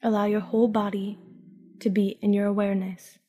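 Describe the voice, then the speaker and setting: Long reverberation lingers after the voice of a woman narrating a guided sleep meditation like a sleep story. She is soft-spoken, calm and slow, at medium pitch, with breathy finishes to her phrases.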